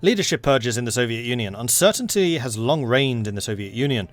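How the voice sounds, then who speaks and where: Reading game events aloud while he plays, the young English-accented streamer keeps up a relaxed, rambling chat with viewers. His mid-range voice is a little fast, with faint music in the background.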